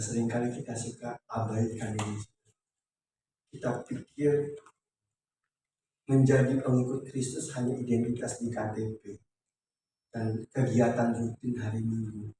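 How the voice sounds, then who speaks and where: A man preaching a lively sermon as a pastor, swinging between soft asides and loud declarations. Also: fairly low pitch, unhurried, long pauses, far from the mic, background noise. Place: church sanctuary. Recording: echoey hall recording from afar.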